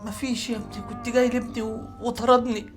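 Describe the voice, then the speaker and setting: Man acting as a humble old egyptian ragpicker dad, meek pleading tone, quick talk, music under. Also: extremely high pitch, little pitch movement. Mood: tearful. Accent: Egyptian Arabic. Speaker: father of Mahmoud.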